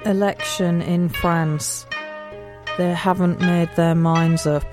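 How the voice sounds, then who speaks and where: A woman with a Hull accent reading comic news haikus in a slow, flat delivery over music. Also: lowish voice. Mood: deadpan. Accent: Hull, Yorkshire.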